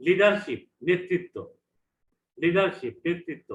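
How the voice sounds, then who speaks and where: A male English lecturer with a Bangladeshi accent teaches vocabulary online, saying each word twice with its meaning. His slightly high voice moves at a slow, careful pace. The lo-fi recording sounds dull and echoes in a bare room.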